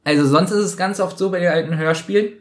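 A man's voice: high voice, fast talker. A man co-hosting a casual podcast, picking over details of an episode with some hesitation. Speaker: podcast co-host. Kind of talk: casual chat recapping an audio drama.

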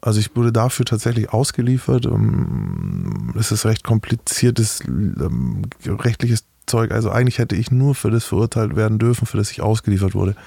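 A man's voice: fairly low pitch, sing-song, normal speed, vocal fry, mellow, husky, no echo. A middle-aged man speaking as an interview guest, talking frankly and matter-of-factly in a casual interview.

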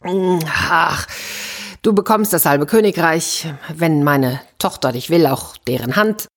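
A woman's voice: sits low, lively intonation, takes it slowly, full character voice. A woman putting on a blustering old king. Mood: grudging. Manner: bossy, exclaiming, theatrical.

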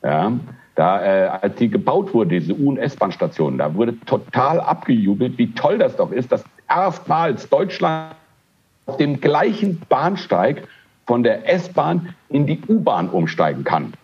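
Male co-host, husky, very animated delivery, slightly dull lo-fi sound. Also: medium pitch, a little slow. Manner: animated ranting, frequent hesitations. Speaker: podcast co-host. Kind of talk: casual chat.

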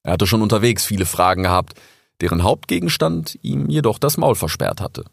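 A man with a low voice narrates an animal adventure. His delivery is animated and expressive, with lively pitch swings. The sound is close and dry. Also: a little fast, vocal fry, no echo. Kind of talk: audiobook story narration.

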